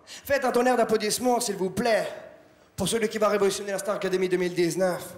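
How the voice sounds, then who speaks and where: A man's voice: high-pitched, fairly even intonation, fast, close to an everyday voice. A man playing an over-the-top male DJ character who hypes a crowd and rambles goofily. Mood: hyped. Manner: loud announcer hype, goofy rambling. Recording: echoey room with background noise.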